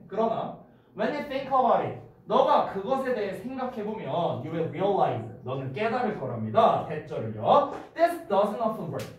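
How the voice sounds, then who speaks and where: A man tutors English in a casual, lively lecture, his high voice swinging widely as he acts out examples and keeps asking quick questions to check his students are following. He sounds far away in a very echoey room with faint background noise.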